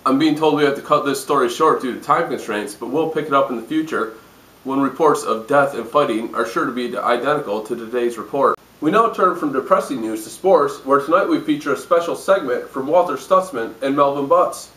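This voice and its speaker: A man playing a hungover, sardonic news anchor in a parody newscast, with a deadpan, jaded delivery. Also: medium pitch, fairly quick, lightly acted. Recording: roomy echo, distant microphone.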